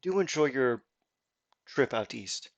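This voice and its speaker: An ancient druid woman, gentle and polite, speaking low and quietly as a man puts her on. The sound is dry and close, with no room around it. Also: expressive, takes it slowly, gravelly, dry recording, lo-fi sound.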